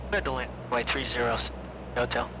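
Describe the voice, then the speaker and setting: A man's voice: mid-range voice, brisk. A man speaking as a pilot on the radio, making clipped calls through a cockpit headset. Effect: pilot radio call through a cockpit headset. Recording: muffled radio audio with steady noise.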